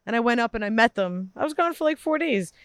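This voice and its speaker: A woman in her forties, a podcast co-host, telling an animated story in casual chat. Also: a little high, quick pace, no room sound, studio quality. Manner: animated storytelling, frequent laughter.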